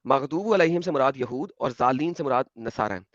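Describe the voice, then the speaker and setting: A man in an online debate explaining points briskly with references. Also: medium pitch, lively intonation, no room sound, lo-fi sound. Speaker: debate participant.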